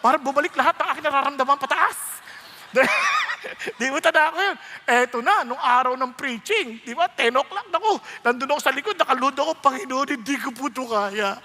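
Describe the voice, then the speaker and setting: A Filipino-accented male pastor delivers a sermon with a high, bright voice. He tells stories in a lively, humorous way. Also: brisk. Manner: animated, humorous storytelling.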